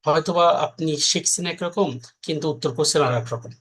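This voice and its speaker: A man's voice: fairly high pitch, a little fast, fairly bright tone, slight background noise. A man, teaching a recorded exam-prep lesson in a conversational way, explaining step by step and often checking that his listeners follow.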